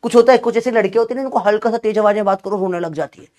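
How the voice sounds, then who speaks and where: High-voiced scolding male physics teacher. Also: very fast, darkish tone. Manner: scolding, joking, calls students beta. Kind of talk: online coaching lecture.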